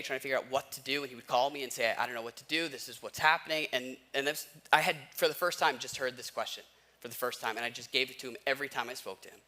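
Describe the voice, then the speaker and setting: Preaching in a chatty style, an American pastor in his thirties mixes personal stories, casual slang and rhetorical questions. His medium-pitched voice comes across bright and forceful.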